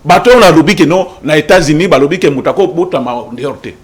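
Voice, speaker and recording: Man, husky voice, lively pitch, insistent, political debate panelist. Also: quick pace. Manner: animated, insistent, interrupts.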